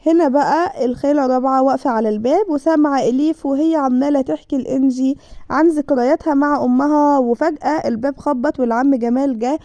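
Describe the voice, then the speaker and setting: Fast high-voiced Egyptian woman recapping. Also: dark tone, no room sound. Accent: Egyptian Arabic. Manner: retelling with constant she-said tags. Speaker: series recap narrator. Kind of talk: casual storytelling recap. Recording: dull dry lo-fi recording.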